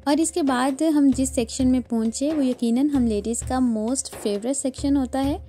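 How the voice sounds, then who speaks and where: Vlogger woman, calm explanatory voice-over, warm tone, light background music. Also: high voice, moderate pace. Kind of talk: shopping vlog voice-over.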